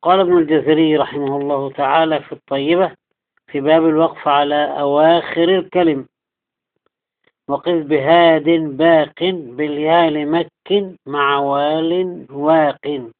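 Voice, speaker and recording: Male recitation teacher, slightly high voice; quick explanation, slow chanted verses; tinny phone-quality audio. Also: fairly even intonation. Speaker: teacher of Quranic recitation readings. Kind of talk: recitation lesson with chanted examples.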